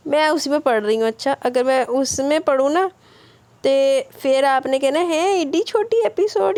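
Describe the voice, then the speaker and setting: A woman's voice: fairly high pitch, dry recording. Chatty woman reading out viewer comments. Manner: warm thanking, chatty replies to listeners.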